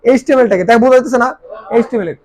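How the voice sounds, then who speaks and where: A man's voice: very high voice, rapid-fire, a little mellow. A male teacher, giving a recorded class lecture and answering his own questions. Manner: quizzing questions he answers himself.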